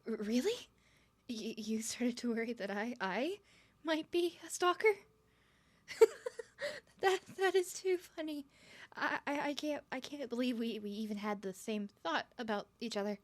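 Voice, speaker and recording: In an ASMR roleplay, a woman plays a nervous young woman smitten on a first date. She stutters and rambles with flustered giggles, sounding amused and nervous, her voice a little high and unhurried.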